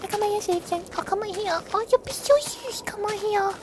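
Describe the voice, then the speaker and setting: A woman putting on a cute, high-pitched sheep voice, cooing softly in a game video. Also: fairly quick, background noise.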